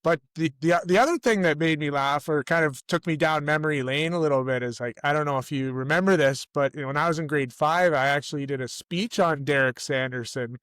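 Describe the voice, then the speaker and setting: A man's voice: on the high side, brisk, hardly any pauses, fairly bright tone, smooth, no echo. A middle-aged Canadian man co-hosting a casual sports podcast, rambling and correcting himself as he tells stories. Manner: rambling, self-correcting storyteller. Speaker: podcast co-host.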